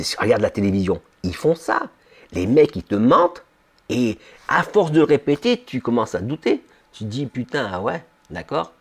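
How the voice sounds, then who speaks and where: Guy doing a slangy pep talk vlog, keeps saying d'accord, mutters the inner voice stuff. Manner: informal slangy, constant "d'accord?" check-ins; acts out inner voices in low murmurs. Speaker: ice cream business vlogger. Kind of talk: casual motivational talk to camera.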